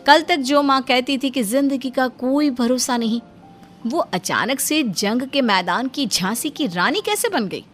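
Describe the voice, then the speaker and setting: A woman's voice: high-pitched, animated, measured pace, faint music behind. A woman narrating a cartoon story in a wry, storytelling manner.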